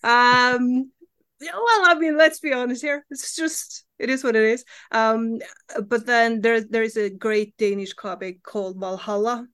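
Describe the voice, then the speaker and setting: A woman's voice: a little high, a little slow, a bit bright, clean tone. A woman from Norway with a Norwegian accent, a guest comics writer chatting candidly in an interview, laughing easily and swearing casually.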